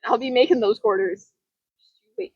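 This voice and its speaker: A woman's voice: on the high side, lively intonation, fairly quick, dry recording, muffled recording. A woman co-hosting a podcast in casual chat, playful and giggly, recorded outdoors on a handheld mic. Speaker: podcast co-host. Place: outdoors in the woods. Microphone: handheld mic passed between speakers.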